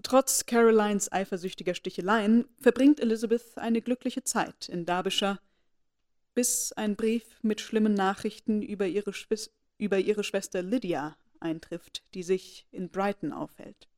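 A woman narrating a classic novel in a measured, expressive reading voice. Her pitch sits in an ordinary middle range for a woman. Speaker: audiobook narrator. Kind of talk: scripted narration.

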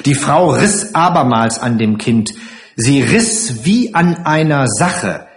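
A man narrating a literary story with expressive, lively pitch. His mid-range voice carries a little room echo. It sounds like a live reading. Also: slow pace, soft background music. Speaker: reader. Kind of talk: audiobook narration.

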